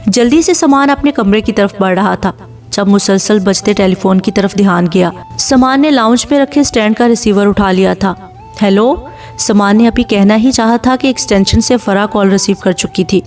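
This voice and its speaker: A woman reading a romance audio novel as narrator in a steady, expressive way. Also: medium pitch. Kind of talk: scripted story narration. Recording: distant mic with faint background music. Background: faint music.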